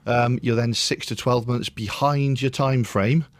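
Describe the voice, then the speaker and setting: A man's voice: medium pitch, fairly even intonation, measured pace, no room sound. A man hosting a casual business conversation, leading it and asking his colleague questions. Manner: leads the talk and asks questions. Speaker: business advisor hosting a review chat.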